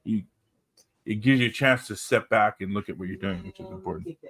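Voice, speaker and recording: A man's voice: on the low side, brisk, a bit bright, slightly rough, no echo. A man co-hosting a casual art stream, talking about coloring with dry sarcastic humor on a desk microphone. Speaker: co-host and colorist.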